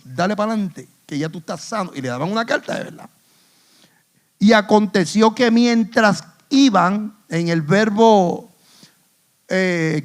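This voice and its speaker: A male pastor preaching a sermon in a church, swinging between hushed asides and loud emphatic lines, with English phrases mixed in. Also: high voice. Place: church in the Bronx.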